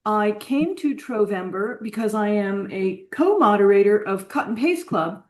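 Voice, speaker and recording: A woman's voice: mid-range voice, animated, unhurried, a little mellow. A woman sharing her experience as a participant on a group video call, chatty and meandering. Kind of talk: casual chat.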